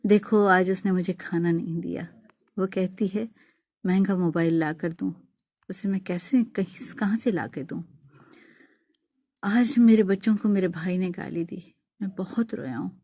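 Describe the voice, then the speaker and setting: Woman reading as a tired, tender young husband, soft-spoken, low and mellow, dry close sound, for an audio story. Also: fairly even intonation, no echo. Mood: sorrowful. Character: weary, gentle young village husband.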